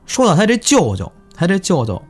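A man telling village ghost stories in casual chat, animated and swearing in surprise. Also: high-pitched, a little fast, breathy edge, faint music behind. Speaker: guest storyteller. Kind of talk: casual spooky storytelling.

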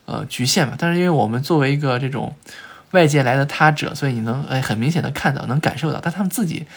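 A man as a podcast guest, telling travel stories in an animated way, with frequent filler sounds and restarts. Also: medium pitch, quick pace, vocal fry, husky. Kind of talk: conversational storytelling in a podcast interview.

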